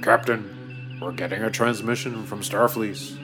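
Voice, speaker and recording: A man playing a starship crew officer, delivering absurd lines deadpan in a comedy audio sketch. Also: fairly low pitch, a little slow, lightly acted, poor audio. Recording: music bed behind the voice.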